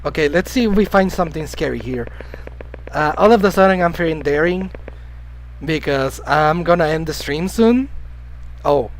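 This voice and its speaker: A man speaks at normal speed in a fairly high, expressive voice on a low-quality recording. He's live-streaming a video game and rambling casually, greeting viewers and answering chat, with occasional coughs after being sick; Spanish is his first language.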